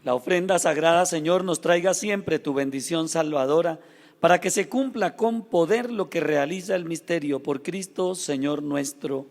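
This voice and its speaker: A man, a priest, reciting Mass prayers in a solemn, measured way, his voice carrying a cathedral echo. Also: on the high side. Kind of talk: chanted liturgical prayer at Mass. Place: large church. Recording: long church reverb.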